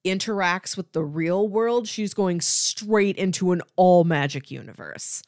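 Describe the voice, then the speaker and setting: A woman co-hosts a podcast, chatting casually in an informal, conversational way. Her voice is lowish, a little slow and a little mellow, recorded in clean studio sound with no room sound.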